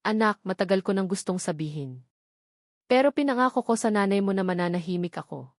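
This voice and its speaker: A woman reading the lines of a gentle, secretive older neighbor in a family drama story, in a hushed, confiding way. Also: medium pitch, animated, brisk, no room sound, studio quality, lightly acted.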